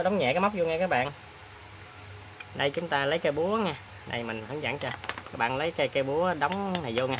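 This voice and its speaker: Man, chatty repair tutorial, lots of filler pauses, bright tone. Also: fairly high pitch, a little hiss or hum. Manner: chatty, plain-spoken, many filler pauses. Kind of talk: hands-on repair demonstration.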